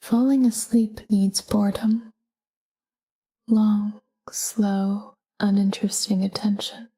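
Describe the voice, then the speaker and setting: In a rough recording, a woman whispers a guided sleep meditation in a very breathy, airy voice. Slow and calm, she speaks gently in short, well-spaced phrases, her pitch staying almost flat.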